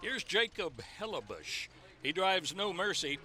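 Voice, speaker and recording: A man's voice: high voice, big pitch swings, unhurried, sharp tone, faint music behind. A man hosting as a tractor pull announcer, presenting play-by-play commentary. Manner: presentational, introducing and recapping. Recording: noisy outdoor track with engine noise. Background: outdoor ambience and vehicle engines.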